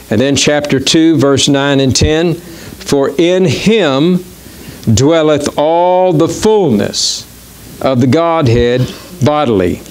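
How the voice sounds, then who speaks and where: A man preaching a sermon as pastor, reading scripture quickly and slowing down to stress key words. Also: medium pitch. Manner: reads verses quickly, then slows to stress key words. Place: church.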